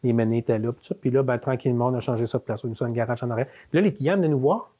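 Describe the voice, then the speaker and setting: A man in his fifties with a Quebec French accent, a manor co-owner, is a guest in a casual interview, telling family stories full of fillers and restarts. His mid-range voice races, dark in tone with a breathy edge, and the recording is muffled.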